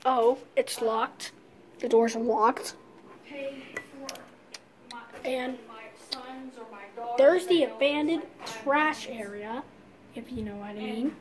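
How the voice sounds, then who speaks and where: Exploring the outside of an abandoned, closed restaurant building, a woman rambles through a casual vlog, often shrugging with "well, whatever." Her voice is a little high, her pace slow with long pauses, and crowd noise can be heard.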